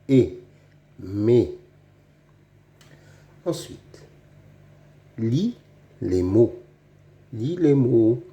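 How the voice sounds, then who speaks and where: Slow, dark-voiced man teaching reading. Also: mid-range voice, lo-fi sound. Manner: repeats each word twice, spelling out sounds letter by letter. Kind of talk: slow, deliberate reading lesson for children.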